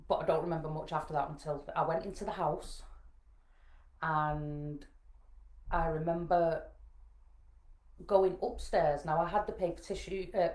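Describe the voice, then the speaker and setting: A Northern English woman telling her own story to camera, plainspoken and frank with dry jokey asides. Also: low-pitched. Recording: roomy echo.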